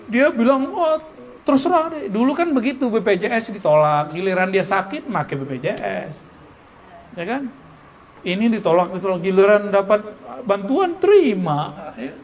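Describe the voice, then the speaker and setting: A man giving a religious study lecture at an Islamic boarding school in casual style speech, lively and joking, often laughing. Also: high voice. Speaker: preacher.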